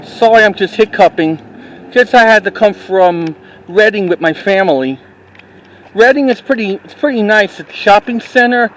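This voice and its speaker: High-voiced man rambling on a street walk. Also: expressive, a little hiss or hum, rough recording. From New York City. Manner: rambling, halting, with frequent restarts. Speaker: vlogger. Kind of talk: casual walking-tour narration. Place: outdoors on a town street. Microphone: handheld camera while walking.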